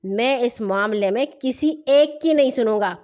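A woman voicing a strict, bossy elder brother who scolds in rapid-fire questions in a children's story. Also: sits high, lively intonation, muffled recording. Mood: commanding. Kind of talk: storybook reading.

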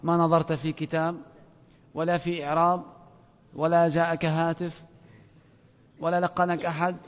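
A man's voice: a little high, flat delivery, normal speed. A man teaching a grammar class, quizzing students with a playful, commanding manner. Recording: dull audio in a reverberant hall.

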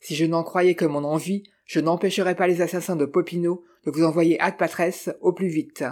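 A reader voicing a short, gruff older count who is brusque and scheming. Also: medium pitch, steady tone, moderate pace, darkish tone, lightly acted. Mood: grim.

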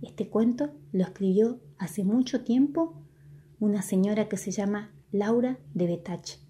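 A woman reading a children's story aloud in a lively, expressive way. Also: mid-range voice, measured pace.

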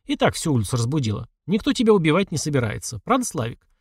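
A man's voice: on the high side, big pitch swings, quick pace, husky, no echo, clean studio sound, full character voice. A man voicing a bossy, stubborn older mother-in-law who scolds and orders her family around. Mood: scolding. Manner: scolding, domineering.

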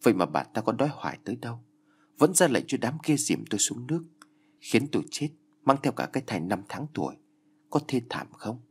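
The ghost of a murdered young woman speaks with pain and hatred, as a man voices her. Her husky, low voice carries bitter accusation. She is the vengeful spirit of an audio ghost story. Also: very animated, fairly quick, full character voice.

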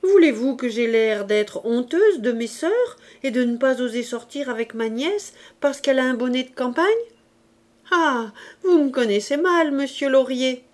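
A woman voicing a domineering, quick-tempered mother in a French audiobook, with indignant, shrill outbursts. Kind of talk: audiobook reading.

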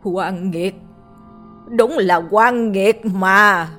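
A woman's voice: medium pitch, very slow, faint music behind. A woman doing a furious hot-tempered old man. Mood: stunned. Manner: shouting, furious.

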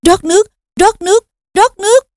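A woman's voice: sits high, animated, fairly quick, darkish tone, no room sound, studio quality, pitched above the performer's own voice. A woman voicing a desperate teenage boy wizard, urging and pleading frantically. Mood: frantic.

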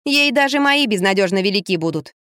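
A woman reading an audiobook, voicing an outspoken, excitable girl who exclaims loudly. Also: medium pitch, a little fast, dry recording, clean studio sound, natural voice. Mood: mocking.

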